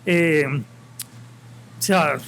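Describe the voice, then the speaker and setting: A man's voice: fairly high pitch, fairly even intonation, extremely slow, gravelly, fairly bright tone, clean tone. A man with a Colombian Caribbean coast accent, talking as a guest on a live podcast in an impassioned, opinionated, rambling way. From Colombia, Caribbean coast (Santa Marta). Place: live podcast event with audience.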